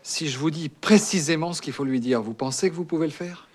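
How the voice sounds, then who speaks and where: An exasperated, impatient schemer. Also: male voice, a little high, fairly quick, darkish tone, slightly rough. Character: exasperated, impatient middle-aged man. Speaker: film character. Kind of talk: film comedy acting.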